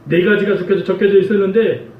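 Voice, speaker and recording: A male pastor giving a sermon, with emotive preaching that swings from hushed confession to raised pleading. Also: sits high, steady tone, quick pace, dull audio. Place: church sanctuary. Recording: echoey church hall, mic from a distance.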